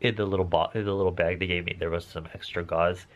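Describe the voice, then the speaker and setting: A man's voice: sits low, steady tone, quick pace. A man chatting casually to camera as a vlogger, congested from nose surgery, with playful, campy asides. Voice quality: congested, blocked-nose sound after nose surgery.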